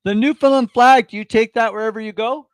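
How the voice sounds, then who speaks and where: A man's voice: very high voice, fairly even intonation, fairly quick. A man hosting a casual talk show, encouraging his guest and often repeating short phrases. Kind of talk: casual chat, interviewing.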